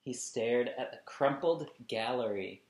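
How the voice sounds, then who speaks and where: Reading aloud to young children, this male host in his thirties goes slowly and emphatically, pausing to explain things along the way. His medium-pitched voice echoes in a small home room, captured by a distant camera.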